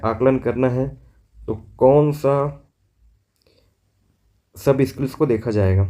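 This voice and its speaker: A man teaching an exam prep lesson, reading questions out slowly in English and explaining them in quick Hindi. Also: mid-range voice, mellow.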